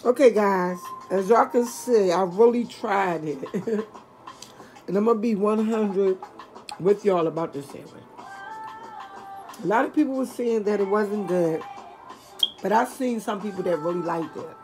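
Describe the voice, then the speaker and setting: An older woman reviewing fast food in casual chat, talking straight to her viewers. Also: mid-range voice, a little mellow, faint music behind. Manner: chatty, talks straight to viewers.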